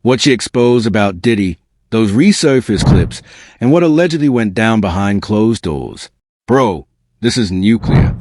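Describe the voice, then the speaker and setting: A man's voice: on the low side, animated, measured pace, a little mellow, no echo. A man delivering scripted celebrity exposé commentary as an online host, in a slangy, incredulous, smug and sarcastic manner.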